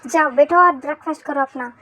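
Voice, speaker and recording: A woman's voice: high voice, fairly quick, pushed and bright, no room sound. A woman voicing a strict, bossy mother who scolds her daughter in a fan-fiction voice story. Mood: scolding.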